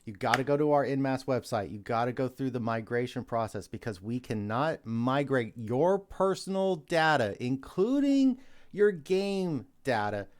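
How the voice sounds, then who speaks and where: A man's voice: mid-range voice, big pitch swings, unhurried. A man in his forties hosting a live stream, talking straight to his chat in an emphatic, urging way on a cheap mic. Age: 40s. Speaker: streamer host. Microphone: cheap desk mic.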